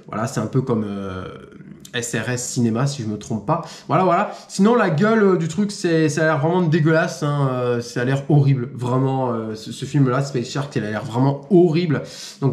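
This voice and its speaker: A man's voice: a little high, a little mellow, reverberant. A man chatting casually as a video host, rambling with many fillers and restarts and swearing offhandedly. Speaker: YouTube host.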